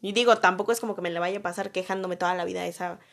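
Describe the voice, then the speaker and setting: A young woman with a Mexican Spanish accent telling a personal story in a casual, animated way, full of slang and acted-out quotes. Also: on the low side, racing, creaky.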